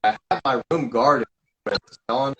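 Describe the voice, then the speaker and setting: A man's voice: medium pitch, a bit bright, highs cut off, soft background music. Rambling man hosting a live stream. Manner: rambling, halting, with many fillers and restarts. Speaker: paranormal investigator hosting a live Q&A. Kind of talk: casual live-stream chat.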